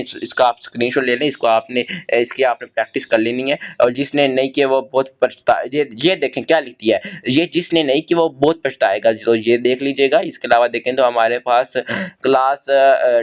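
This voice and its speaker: A man's voice: mid-range voice, muffled recording. A man from Pakistan, giving students casual exam tips, often restarting and addressing them directly. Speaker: exam prep tutor.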